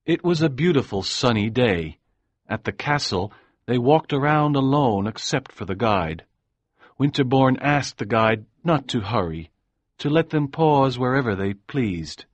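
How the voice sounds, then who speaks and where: A man narrating an audiobook in a calm, measured way. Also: medium pitch, no echo.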